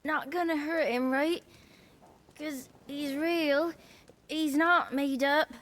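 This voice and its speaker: A woman voicing a small orphaned village child in a video game, defiant yet frightened, with a British accent and halting rustic speech. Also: high voice, steady tone, a bit bright. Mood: worried, shy.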